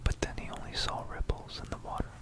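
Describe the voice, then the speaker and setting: Whispering breathily and fast near a binaural mic, a narrator tells history in a halting, meandering way, often circling back to repeat phrases.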